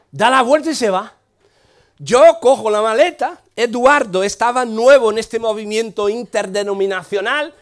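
A middle-aged man preaches with a notably high voice. He is a pastor telling a humorous story, acting out the dialogue in a lively, anecdotal way.

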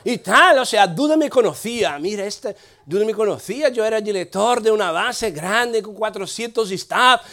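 A middle-aged man preaches with a notably high voice. He is a pastor telling a humorous story, acting out the dialogue in a lively, anecdotal way. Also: normal speed.

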